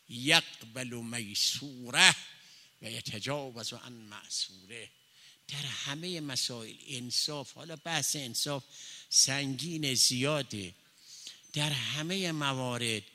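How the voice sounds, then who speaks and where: A man's voice: mid-range voice, bright, forceful tone. A man preaching a sermon, telling a story with conversational asides to his listeners. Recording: long hall reverb.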